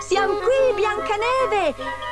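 Anxious little dwarfs from a fairy tale, crying out in very high, urgent, bossy voices, as a woman narrator puts them on. They sound frantic and loud. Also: animated, normal speed, faint music behind.

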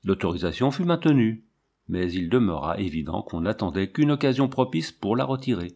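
A man reading a novel aloud with measured, steady storytelling delivery. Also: fairly low pitch. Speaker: audiobook reader. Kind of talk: scripted narration of a novel.

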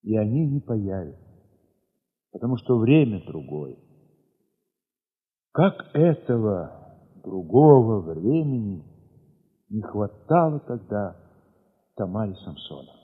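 A husky-voiced man, somewhat low in pitch, reads a literary audio play in the first person as its narrator, using reflective, expressive phrasing and deliberate dramatic pauses. The recording sounds dull and muffled, with a long reverb like a large hall trailing his words.

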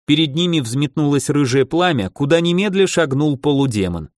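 A man narrating a fantasy audiobook in a steady, even reading. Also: a little high, moderate pace, dry recording, clean studio sound.

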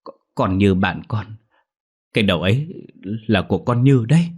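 A man's voice: on the low side, expressive, moderate pace, darkish tone, slightly rough. A man voicing a frightened young woman who stutters and cries out in panic. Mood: sobbing. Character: terrified young woman, stammering.

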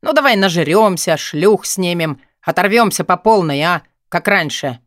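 A man voicing a pushy, crude, excitable young man in an audiobook, raising his voice and pitch to badger a friend. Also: moderate pace, no echo, studio quality. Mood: excited, pushy. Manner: eager, crude, insistent.

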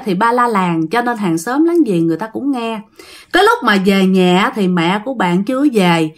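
Brief: Southern Vietnamese woman, casual animated storyteller, slightly high voice. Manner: animated, dramatic exclamations. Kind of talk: casual spoken storytelling to listeners.

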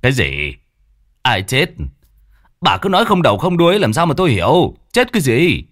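A storybook horror reading in which a man voices a short-tempered older village chief. He barks and scolds, swinging widely in pitch. The sound is dry and close. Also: sing-song, normal speed, no room sound. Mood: impatient. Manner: loud, scolding, stammers when startled.

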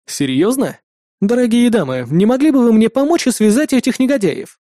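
A man's voice: very high-pitched, lively intonation, fairly quick, dark tone, no room sound, clean studio sound, voice pushed up. A man voicing a cold, brash male officer who snaps threats and orders. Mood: threatening.

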